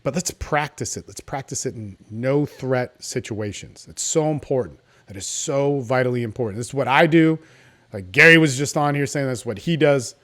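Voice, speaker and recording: A man's voice: mid-range voice, moderate pace, a bit bright. A man giving informal coaching advice in a confident, salesy, casual way, often checking in with "right?". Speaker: dating coach.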